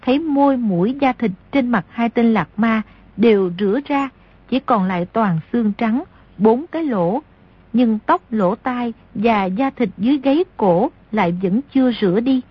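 A woman narrates an audiobook in a very husky, breathy voice that sits a little high. She reads with steady storytelling. The recording is dry and slightly lo-fi. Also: dry recording. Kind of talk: scripted narration.

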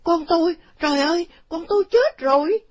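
A woman voicing an excitable older mother in a spoken story. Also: normal speed, husky. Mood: panicked. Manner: shrill, excitable. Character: older mother, shrill and fretful.

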